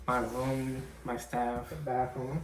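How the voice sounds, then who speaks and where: A man's voice: mid-range voice, little pitch movement, slow pace, slight background noise. A man casually showing his home, talking in short, simple phrases. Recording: echoey, distant mic, music behind.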